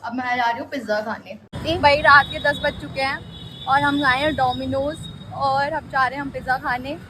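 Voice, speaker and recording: Young woman, high voice, bossy teasing vlogger, noisy phone audio. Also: steady tone, normal speed. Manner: bossy big-sister scolding and teasing. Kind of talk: casual vlog chat.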